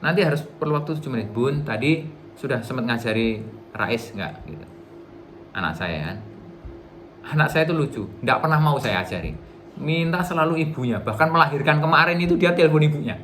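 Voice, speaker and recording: A man's voice: fairly high pitch, animated, fast talker, fairly bright tone, slight background noise. A middle-aged man giving a relationship seminar to a live audience in a casual, chatty way, acting out little dialogues. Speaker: workshop trainer.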